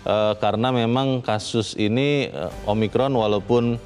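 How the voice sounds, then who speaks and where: A man's voice: medium pitch, measured pace, a little mellow, faint music behind. A man hosting a news editorial programme, presenting and interviewing in a studio. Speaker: TV and radio editorial show host.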